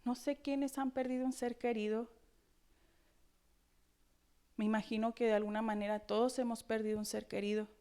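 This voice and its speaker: A woman preacher delivering a Sunday sermon with expressive, dramatic rhetorical questions. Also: a little high, moderate pace, long pauses.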